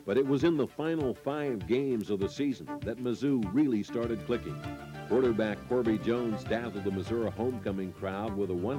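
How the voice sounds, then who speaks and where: An American man reading scripted sports highlight narration in measured, dramatic phrases with pauses.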